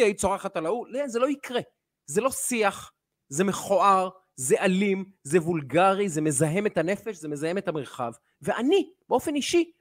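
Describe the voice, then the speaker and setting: A man's voice: high-pitched, dry recording. A man, a TV journalist, speaking in an impassioned, argumentative opinion monologue on a podcast, emphatic with frequent hesitations and restarts. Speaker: TV journalist and interviewer.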